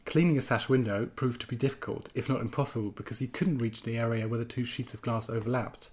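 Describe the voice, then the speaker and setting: Here a guest writer, a German-born man aged somewhere in his twenties or thirties, talks at a quick pace with a medium-pitched, fairly even, slightly mellow voice. Interview questions draw hesitant answers peppered with ums and restarts, followed by a reading from his own piece.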